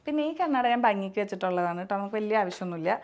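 A woman's voice: medium pitch, expressive, very fast, darkish tone. A young woman, a mother chatting casually as she demonstrates her baby setup at home for a vlog. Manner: chatty, coaxing a crying baby in sing-song. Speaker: vlogger, mother. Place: home nursery indoors. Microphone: camera operated by someone else.

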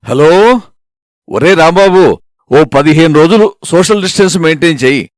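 A man's voice: a little high, animated, normal speed, no room sound, studio quality, lightly acted. A man doing a know-it-all friend. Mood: lecturing. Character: bossy advice-giving male friend on phone.

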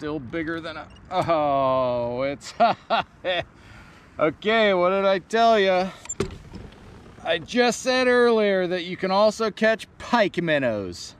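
A fishing vlogger in his thirties, with a high-pitched voice, casually explains a bait rig and narrates his fishing from a pontoon boat outside. His easygoing, slow instruction turns excited when a fish bites. A chest-mounted action camera records him, with slight background noise.

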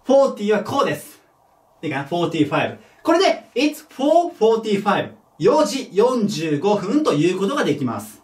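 Guy teaching english at a board, high lively voice, patient, bit far off the mic. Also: moderate pace. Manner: patient, step-by-step, checks in with "right?"; self-deprecating about his own mistake. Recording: echoey room, voice from off the mic.

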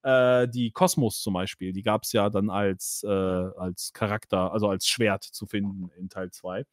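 On a casual gaming podcast, the male host chats away with lots of fillers and the occasional laugh. His fairly low voice is steady and a little slow, recorded at studio quality with no echo.

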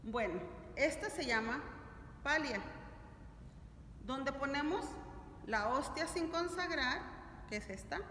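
Speaking slowly and pausing often, the middle-aged catechism teacher uses a high, sharp voice with lively intonation. She instructs families in a didactic manner, posing check-in questions, while a camera a few steps off records the noisy echo of the stone-walled church.

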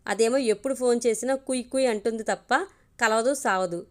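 A woman's voice: fairly high pitch, brisk, close to an everyday voice. A woman voicing an anxious young man pleading with his best friend, in a storybook reading.

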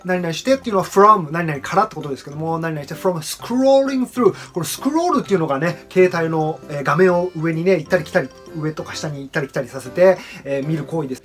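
Male English teacher, slow English reading, brisk explanations, faint music behind. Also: on the high side. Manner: reads English phrases slowly, then explains briskly in Japanese. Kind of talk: explaining song lyrics line by line.

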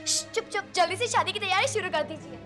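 Very high, bubbly kid sister, eager, music under it. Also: female voice, lively intonation, fast. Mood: excited. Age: young adult. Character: chirpy young sister leaving for hostel. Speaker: excited younger sister. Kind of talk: TV serial acting.

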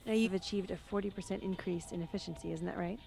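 A woman's voice: on the low side, fairly even intonation, quick pace, creaky, a little mellow, faint music behind. A young woman hosting outdoors at a race track, speaking energetically into a handheld mic. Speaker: host. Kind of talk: upbeat presenting and interviewing.

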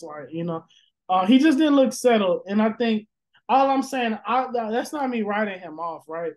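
A man's voice: sits high, low-quality recording. A man hosting a casual sports podcast, rambling with lots of fillers, restarts and swearing. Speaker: podcast host.

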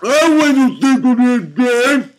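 A man with a very high voice hosts a comic game review. He drawls slowly, rambling and muttering between sudden angry outbursts. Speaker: comedy show host.

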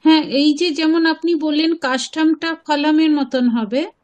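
A woman's voice: high-pitched, steady tone, unhurried, a little mellow. A woman student, hesitantly asking her teacher questions in class. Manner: hesitant, searching for words.

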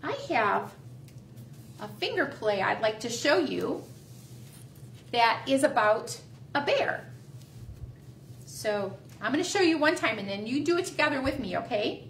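Librarian for kids' storytime; expressive, high, lively, slow, roomy room with a distant mic. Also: female voice, slight background noise. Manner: sing-song, gentle, expressive. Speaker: children's librarian. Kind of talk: storytime read-aloud.

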